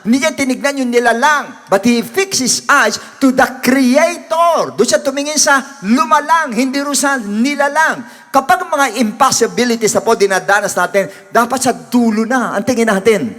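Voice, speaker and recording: A man with a Filipino accent preaching a sermon as pastor, mixing English and Tagalog and slowing down to read scripture. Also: very high voice, sharp tone, long reverb tail. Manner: switches between English and Tagalog, slows and rises for scripture. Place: church sanctuary.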